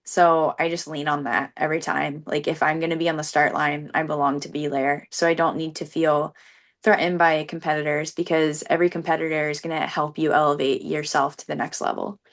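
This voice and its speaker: Speaking briskly in a deep, flat voice, a young female runner answers a relaxed interview with real earnestness. The word "like" pops up constantly as she talks.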